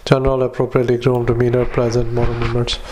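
Doctor dictating into a dictaphone: flat, unvarying delivery and a halting read full of "uh"s, with a faint hiss under the recording. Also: male voice, mid-range voice. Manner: halting, with many drawn-out "uh"s. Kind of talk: medical dictation.

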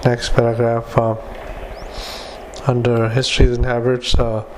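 A man dictating medical notes as a clinician, in clipped fragments with spoken punctuation and formatting commands, in a flat monotone. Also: mid-range voice, a little slow, a little hiss or hum, poor audio.

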